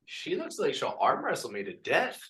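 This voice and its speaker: A man's voice: a little high, wildly swooping pitch, normal speed, sharp tone. A man coaching a group workout class, counting out reps and chatting and joking with the class between exercises. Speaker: fitness coach.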